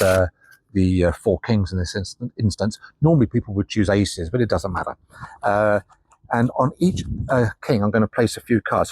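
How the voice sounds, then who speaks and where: Older magician with a low husky voice. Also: male voice, a little mellow, dry recording. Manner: chatty, patter-filled with ums and asides. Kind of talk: casual card trick demonstration. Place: indoors at a table, facing a camera with a monitor.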